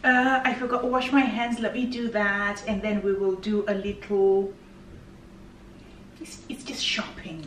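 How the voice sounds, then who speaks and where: A woman chatting casually through a grocery haul at home, sometimes dropping to a whisper. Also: mid-range voice. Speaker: vlogger. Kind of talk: casual shopping haul chat. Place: home kitchen. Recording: echoey room, far from mic, background noise.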